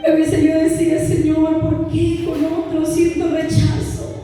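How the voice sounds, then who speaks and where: A woman with a high, mellow voice gives a fervent church testimony at an unhurried pace, her phrases often lifting into a sung cadence. She is heard from far off in a big, booming hall, with soft music underneath. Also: monotone. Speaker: church member giving testimony.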